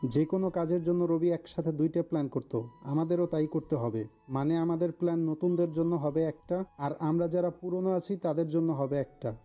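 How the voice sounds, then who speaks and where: A man voicing a calm, cunning gang boss. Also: on the high side, brisk, soft background music, lightly acted. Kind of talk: audio story drama.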